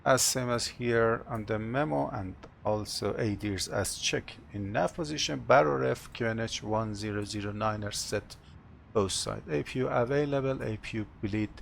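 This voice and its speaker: A man who is a non-native English speaker, working as an airline captain, talking through cockpit procedures and announcements in short, halting, procedural phrases. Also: lowish voice, gravelly, a little hiss or hum. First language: not English. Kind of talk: cockpit procedure narration, checklist callouts and announcements.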